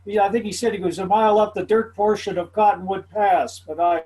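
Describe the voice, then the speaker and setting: A man with a high voice for a male speaker and a soft, dark tone. He chats casually with others in an online meeting. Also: fairly even intonation, brisk, low-quality recording. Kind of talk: casual group chat.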